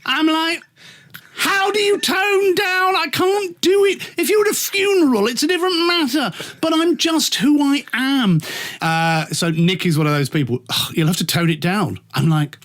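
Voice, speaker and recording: The voice is very high-pitched, a bit bright and at normal speed: a British man, middle-aged or older, who works as a radio presenter and is an interview guest. In animated, camp conversation he recounts anecdotes, voicing the characters as he goes.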